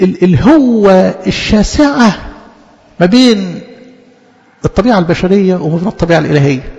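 A man with an Egyptian accent preaches in a chatty, direct way, speaking right to his listeners and repeating key words. His voice is high and gravelly. The recording sounds dull and lo-fi, with a long hall reverb behind him. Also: a little mellow. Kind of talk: conversational sermon.

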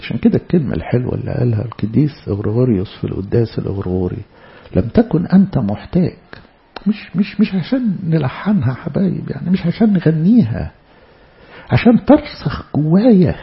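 A man's voice: fairly high pitch, big pitch swings, quick pace, gravelly. A man preaching a sermon with an Egyptian accent. He speaks with animation and voices God's words directly to his listeners. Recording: dull lo-fi recording.

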